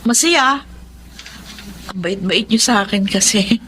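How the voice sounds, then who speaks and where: An actress playing Roxanne, a poor young factory worker, speaking politely and softly. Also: female voice, medium pitch, slow pace, a little hiss or hum. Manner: polite, soft-spoken. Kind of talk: Tagalog radio-style drama acting.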